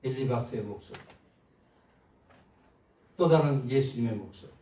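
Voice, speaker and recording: Man preaching in an echoey sanctuary. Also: normal speed. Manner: call-and-response preaching, asks the congregation questions; swings between loud exhortation and soft low asides. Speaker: pastor. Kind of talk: sermon. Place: large church sanctuary. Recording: roomy echo, far from the mic.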